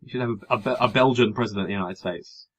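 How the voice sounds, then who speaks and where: A man's voice: fairly low pitch, very fast, fairly bright tone, rough recording. A man co-hosting a podcast, chatting casually and wryly about politics, rambling with hesitant fillers. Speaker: podcast co-host.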